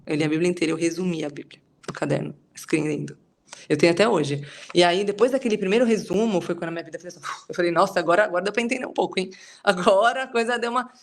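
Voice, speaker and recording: A woman's voice: on the low side, fast talker, vocal fry. A Brazilian woman leading a Bible study group, sharing a personal testimony in a chatty, rambling way with many fillers. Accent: Brazilian Portuguese.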